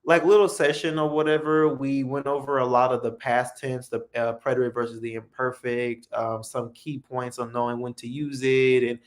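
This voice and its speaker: A man's voice: mid-range voice, level tone. A man whose first language is English, hosting a casual live practice stream and answering viewers in English and Spanish. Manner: unhurried, friendly, answers viewer comments.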